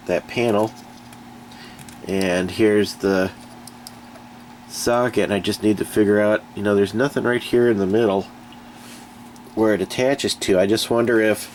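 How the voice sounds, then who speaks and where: This man speaks low and slightly mellow, with a little hiss or hum on the recording. Stuffed up with a cold, he casually reviews and fixes a generator indoors in his garage, folksy and rambling but somewhat irritated, picked up by an off-screen camera mic.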